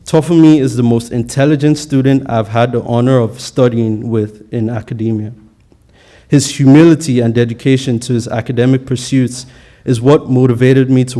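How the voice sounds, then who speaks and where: A man's voice: medium pitch, fairly even intonation, moderate pace, dark tone. A young man giving an earnest, prepared valedictory speech at a college graduation, with occasional stumbles on words.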